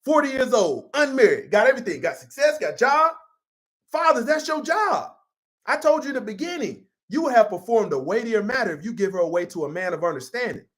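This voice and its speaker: A man's voice: very high voice, big pitch swings, brisk, a bit bright. A man preaching a sermon in an emphatic, conversational style and repeating himself for force. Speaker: pastor.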